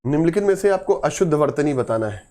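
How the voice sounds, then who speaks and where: A man's voice: a little high, expressive, fast talker, dark tone. A man teaching a grammar lesson for exam students, quizzing his class and answering himself, repeating key words with emphasis.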